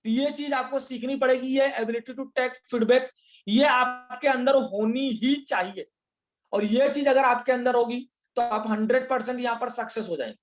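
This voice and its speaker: Male trainer, high voice, lecture delivery that asks and answers its own questions. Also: normal speed. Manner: explains step by step, repeats phrases, mixes Hindi with English words. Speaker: leadership trainer. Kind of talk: motivational class lecture.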